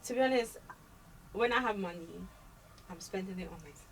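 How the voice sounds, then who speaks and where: A woman's voice: mid-range voice, lively intonation, brisk, a bit bright, distant mic, a little hiss or hum, rough recording. A young woman, a guest chatting and laughing about motherhood. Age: young adult. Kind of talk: casual chat.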